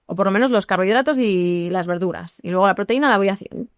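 Lively woman explaining. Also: mid-range voice, fast, no room sound, studio quality. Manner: lively, explanatory, addresses listeners directly. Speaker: English teacher. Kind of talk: podcast conversation.

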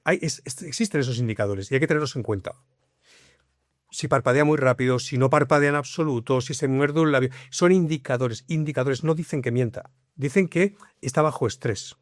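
A man explains things in a lively, conversational way, often repeating his point. He speaks at a middling pitch into a dry, close microphone with no room sound. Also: brisk, dry recording. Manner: explanatory, lively, leans on repetition. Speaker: guest, communication coach. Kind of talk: conversational interview.

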